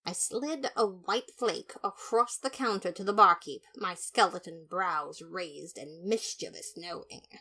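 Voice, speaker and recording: A fan fiction narrator with a medium-pitched, pushed and bright voice tells an audio story. She gives first-person detective narration in a dramatic, mock-serious manner that plays up the comic noir style.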